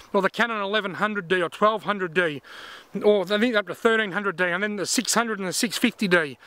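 A man's voice: sits high, pushed and bright, dry recording. A man, chatting outdoors in bushland as he reviews a camera, explaining step by step into a camera-mounted mic. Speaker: fishing vlogger reviewing a camera. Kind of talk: casual product review to camera. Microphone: camera-mounted shotgun mic.

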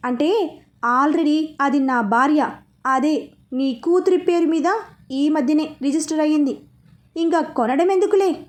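A woman's voice: high voice, a little slow, pauses often. A woman voicing a cocky, teasing young man in a read-aloud story. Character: cocky young man, confident mafia boss hero.

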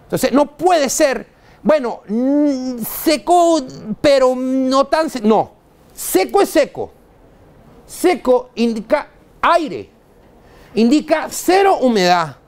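Blunt Venezuelan man lecturing, lively pitch. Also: slow pace. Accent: Venezuelan Spanish. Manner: blunt, slangy, quizzes the audience. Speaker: dental lecturer. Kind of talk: live lecture to an audience. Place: university lecture hall.

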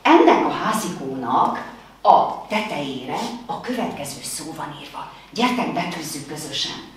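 Woman, first-grade teacher, remote lesson, slow and encouraging, very lively pitch, roomy echoey sound. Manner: slow, encouraging, praising the children. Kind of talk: remote lesson for young children. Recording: very echoey room, voice far from the mic, faint noise.

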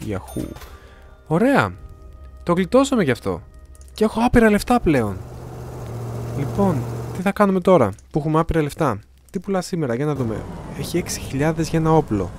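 A man's voice: a little high, sing-song, music in the background. A young man giving casual gameplay commentary, chatty and often reading the game's dialogue aloud in changing voices. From Greece. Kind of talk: casual let's-play commentary.

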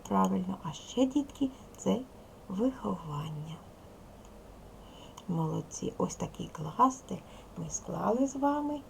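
A woman teacher with a Ukrainian accent and a strongly gravelly, creaky voice, speaking at a middle pitch. She patiently quizzes young pupils with repeated questions. Faint classroom noise sits behind her. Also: a little mellow. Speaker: primary school teacher.

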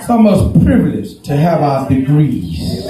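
A middle-aged man, a pastor preaching a sermon with call-and-response, often shouting and laughing into a handheld microphone. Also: a little high, wildly swooping pitch, normal speed, very echoey, a crowd in the background. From Houston, Texas. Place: small church with curtain backdrop. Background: congregation responding.

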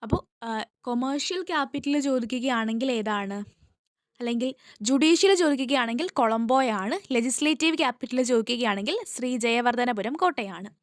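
A woman coaching students for an exam. She talks in a fairly high voice and drills each fact over and over, asking questions and answering them herself. The recording is close and dry. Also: brisk, dry recording. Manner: repetitive, drills facts, asks and answers her own questions. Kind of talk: exam-prep lesson.

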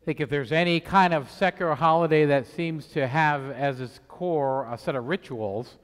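Priest with a cathedral echo. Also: male voice, on the high side. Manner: measured reading, then loose chatty preaching with fillers. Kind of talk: liturgical reading and homily. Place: large church, indoors. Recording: long echo of a large church.

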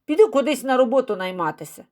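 A woman's voice: high voice, expressive, fast, darkish tone, pitched above the performer's own voice. A woman voicing a huge, good-natured young village man who speaks plainly and naively.

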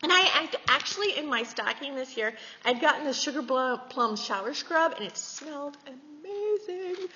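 A woman in her 40s, a beauty vlogger, giggles and chats as she shows off gifts, speaking at normal speed with few pauses. Her high voice is expressive and sharp, heard in an echoey, slightly dull recording with light hiss.

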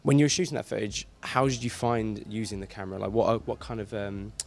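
A man asks questions and thanks his guest in a quick, upbeat way. His low-ish voice has a gravelly, creaky edge. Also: steady tone, darkish tone. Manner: enthusiastic, upbeat. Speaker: interviewer. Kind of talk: casual interview questions.

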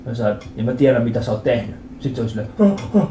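A man in his thirties doing a stand-up comedy set in a club, telling stories with animated acted-out voices and lots of swearing. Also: mid-range voice, slight background noise. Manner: animated storytelling, acts out quoted voices, swears freely. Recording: roomy club with audience laughter.

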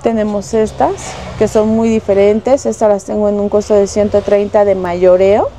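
A Mexican saleswoman in a shop walks through the goods one by one, giving wholesale prices. She talks casually and is fond of diminutives. Her voice is mellow and warm, at an ordinary pitch for a woman. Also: flat delivery, moderate pace, a little hiss or hum. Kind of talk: casual product showcase. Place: shop indoors.

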